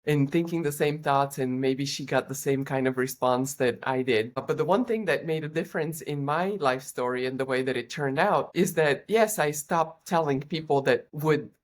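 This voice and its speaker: A woman's voice: deep voice, moderate pace, hardly any pauses. Earnest middle-aged Bulgarian-born woman. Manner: earnest, reflective storytelling. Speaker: guest, Olympian and executive coach. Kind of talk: interview storytelling.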